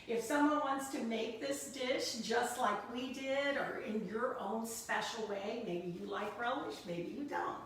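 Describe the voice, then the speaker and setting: A woman's voice: a little high, far from the mic. An upbeat woman leads a kids cooking class, coaxing answers with friendly questions. Her voice sits a little away from the mic and rings around a very echoey room with a faint hiss underneath. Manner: upbeat, encouraging, asks leading questions.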